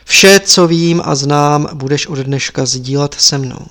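A wise old lama teacher speaks gravely and instructively, as a man reading a story voices him. The voice sits a little high for a man. It is read in a storybook style. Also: a bit bright, natural voice. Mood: tender. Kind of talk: audiobook character reading.

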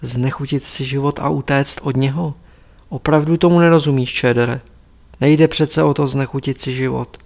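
A man voicing an elderly male abbot who asks measured, probing questions, in a story read aloud. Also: mid-range voice, fairly even intonation, gravelly, natural voice. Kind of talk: audiobook character reading.

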